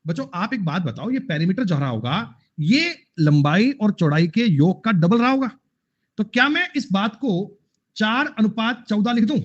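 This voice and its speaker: A man teaches an online math class, repeating points and teasingly scolding students, whom he addresses as "beta." His high-pitched voice is expressive at a normal speed, though the audio is dull.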